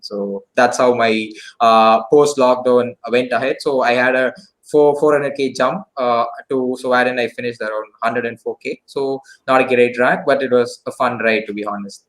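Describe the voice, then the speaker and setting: A man who creates fantasy football content talks through his season on a casual online show. His voice sits at an ordinary mid pitch, and he speaks in a relaxed way with frequent fillers. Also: moderate pace, low-quality recording.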